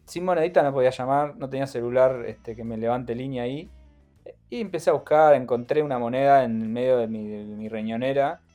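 A man's voice: medium pitch, a little fast, faint music behind. A middle-aged man with a Rioplatense Spanish accent, telling a comic story and acting out the other people's voices. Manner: animated, acts out other voices in quotes.

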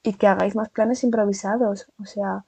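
A young woman from Spain with a Spanish accent, telling a casual storytime vlog in a chatty, animated way full of fillers and asides. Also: mid-range voice, moderate pace, creaky, breathy edge, no echo.

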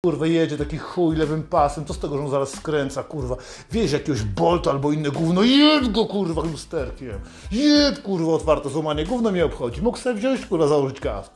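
A man's voice: on the high side, expressive, fairly quick, hardly any pauses, darkish tone, soft background music. A man delivering a satirical comedic rant in a swaggering, foul-mouthed manner.

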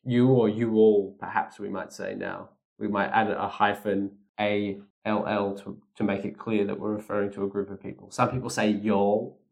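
A man's voice: fairly low pitch, level tone, normal speed, vocal fry, hardly any pauses, a little mellow. A man reading a children's story aloud and patiently explaining the hard words as he goes. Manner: patient, explanatory, reads dialogue with voices.

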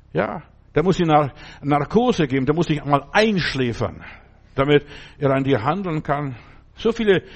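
A male preacher giving a folksy, conversational sermon with big swings in pitch and frequent asides asking whether the listener follows.

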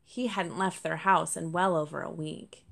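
A woman narrating a children's storybook, gentle and speaking to the listeners directly. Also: on the low side, steady tone, normal speed, creaky.

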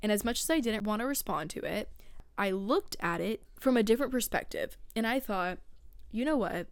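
A woman's voice: mid-range voice, normal speed, clear, resonant tone, no room sound. A young adult woman telling a casual story, blunt and full of swearing, acting out each moment as she goes. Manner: profane, blunt, animated storytelling.

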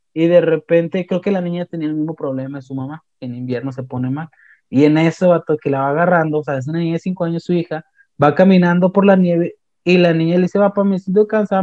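Animated young Mexican man, slangy. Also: fairly high pitch, dry recording. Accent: Mexican Spanish. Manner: slangy, animated retelling with many restarts. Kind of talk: casual chat retelling an anime. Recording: dull, slightly lo-fi dry sound.

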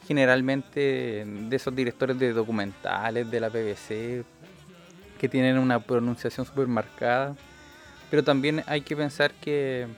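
A man with a Chilean Spanish accent, a podcast co-host explaining something at length in casual chat. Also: medium pitch.

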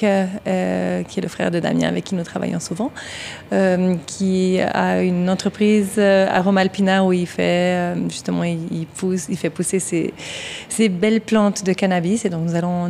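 Guest brewer: woman from Vaud, lowish gravelly voice, fluent with fillers, faint background noise. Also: warm tone. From Switzerland (canton of Vaud). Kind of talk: casual interview.

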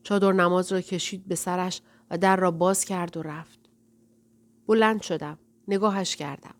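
A woman reading a first-person novel aloud in a quiet, reflective way. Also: lowish voice, fairly even intonation. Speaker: narrator. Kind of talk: audiobook narration.

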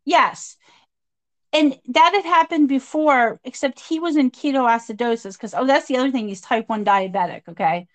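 Animated woman, higher voice, storytelling. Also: moderate pace. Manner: animated storyteller, acts out quotes. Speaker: guest describing past abuse. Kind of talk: conversational interview.

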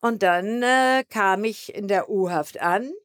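A woman's voice: medium pitch, slow, no echo, studio quality. A woman as a podcast guest, telling her own story candidly and emotionally, with restarts. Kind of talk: personal storytelling.

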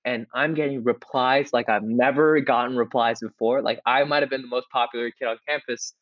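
A young man co-hosting a podcast, telling a story in a casual, excitable way with lots of "like" and restarts. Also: mid-range voice, a little fast, no echo, muffled recording. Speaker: podcast co-host.

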